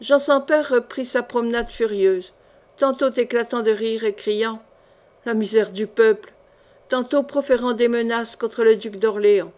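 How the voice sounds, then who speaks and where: A woman audiobook reader giving a measured, expressive scripted narration of a historical novel. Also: on the high side.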